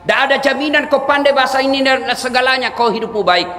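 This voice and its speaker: A middle-aged man from South Sulawesi, giving a comic sermon in an animated, joking way with sudden shouts. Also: very high-pitched, fast talker. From South Sulawesi, Indonesia. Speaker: preacher. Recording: echoey hall, faint ambience.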